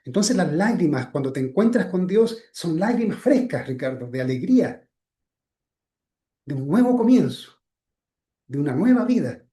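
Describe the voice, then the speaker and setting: Man giving a soft-trailing spiritual talk. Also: sits high, very animated, moderate pace, long pauses. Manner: addresses the listener by name again and again, trailing off softly after phrases; asks frequent checking questions. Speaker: spiritual teacher.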